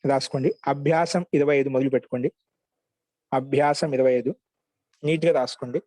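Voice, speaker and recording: A male teacher giving a grammar class, patiently repeating word forms slowly so students can write them down. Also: medium pitch, fairly even intonation, mellow, dry recording.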